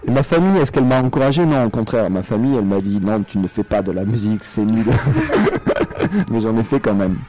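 This man from France, a singer and musician, speaks a bit fast in a warm, fairly low voice. It's a relaxed radio interview, and his replies wander and hesitate, full of fillers and small laughs.

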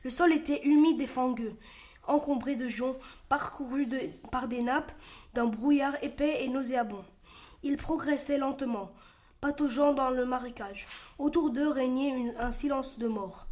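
Woman, storybook read-aloud, careful, restarts, high voice, roomy echo. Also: normal speed, darkish tone.

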